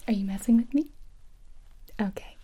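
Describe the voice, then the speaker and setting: In a light-hearted ASMR roleplay, a young woman voices several doctors, her soft close whisper occasionally giving way to a sudden full-voiced outburst. Her voice is a little high and her speed normal, with a faint hiss or hum on the recording.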